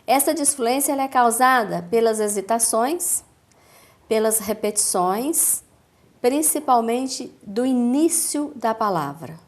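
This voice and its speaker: A speech therapist with a Brazilian Portuguese accent and a fairly high voice gives a calm, didactic explanation in a TV interview. She speaks with measured pauses.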